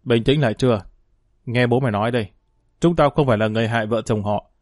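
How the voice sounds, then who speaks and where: A brutal young fighter, as a man puts him on in a storybook, harsh and contemptuous. He spits his lines out fast. The sound is close and dry. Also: mid-range voice, darkish tone, no room sound, close to an everyday voice. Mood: scornful. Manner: harsh, scornful. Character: tough young male fighter, contemptuous and cruel.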